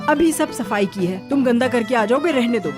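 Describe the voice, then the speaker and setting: A woman plays a bossy, house-proud aunt in a dubbed TV drama. Her high voice leaps up and down as she fusses and scolds. Music plays underneath. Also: normal speed, close to an everyday voice. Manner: fussy, scolding, excitable. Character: fussy, bossy middle-aged aunt obsessed with cleanliness.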